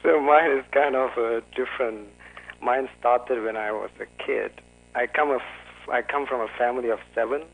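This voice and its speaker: A man from Singapore, a guest author, answering calmly and a bit formally in an interview. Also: medium pitch, moderate pace, creaky, poor audio. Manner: calm, careful and formal. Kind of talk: conversational interview.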